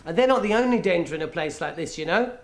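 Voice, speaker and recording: Pompous do-gooder, high male voice. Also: expressive, fast. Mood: self-important, evasive. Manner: pompous, humblebragging, hesitant when bluffing. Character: smug, self-righteous male aid worker, falsely modest. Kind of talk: acted comedy game dialogue. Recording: faint background noise on video call.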